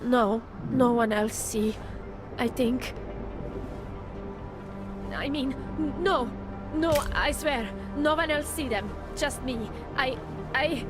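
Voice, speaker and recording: In this video game cutscene, a high-pitched actress plays an anxious, defensive surveillance worker wracked with guilt. She speaks halting, broken English with a Czech accent and dropped articles, repeating herself jumpily over background music.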